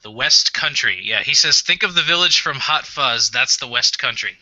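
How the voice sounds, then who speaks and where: A man's voice: mid-range voice, lively intonation, moderate pace, bright, forceful tone, no echo. A man hosting a podcast in casual chat, hesitant with many fillers as he works through a list of names. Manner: hesitant, lots of "uh" fillers, reads through lists. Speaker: podcast host. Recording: dull, dry, muffled audio.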